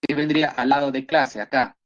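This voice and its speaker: A man's voice: medium pitch, level tone, fairly quick, fairly bright tone, highs cut off. A man with a Peruvian Spanish accent teaching an online biology class, going over exam questions and praising his students often. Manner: encouraging, repeats praise often.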